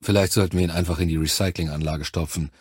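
A male audiobook narrator with a husky, fairly low voice, telling the story in the first person in a sober, measured way. The sound is dry and close to the mic, with no room around it. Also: fairly even intonation, no echo.

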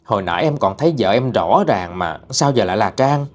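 A man's voice: fairly low pitch, lively intonation, brisk, a little mellow. A man narrating a first-person ghost story in a plain, mournful way. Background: faint music.

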